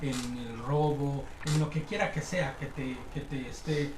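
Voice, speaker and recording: A man's voice: mid-range voice, fairly even intonation, a little slow. Distant man in echoey noisy room. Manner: reflective, hesitant fillers. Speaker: Bible study participant. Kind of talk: conversational commentary.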